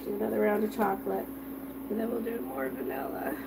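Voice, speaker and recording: A woman with children hosts a home cooking livestream, frying food in her kitchen and chatting with viewers while reading their comments. Her medium-pitched voice is animated and fairly quick, with vocal fry. The audio is very noisy.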